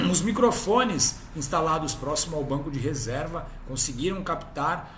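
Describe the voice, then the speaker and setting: A man's voice: on the high side, lively intonation, moderate pace, a bit bright, echoey room, a little hiss or hum. A man hosting a casual football history talk, chatty and often ending his points with tag questions. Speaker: host.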